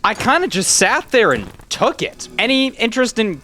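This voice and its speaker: A YouTuber in his twenties tells a personal story in a loose, rambling way, often quoting himself. His high, sing-song voice is bright and forceful at a normal speed, with a slight hiss or hum in the recording.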